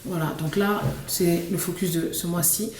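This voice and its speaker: A woman's voice: fairly low pitch, steady tone, moderate pace, a little mellow, recorded from a distance. A young woman vlogging casually to camera, rambling with lots of fillers and restarts. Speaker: beauty and lifestyle vlogger. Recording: echoey room with faint noise.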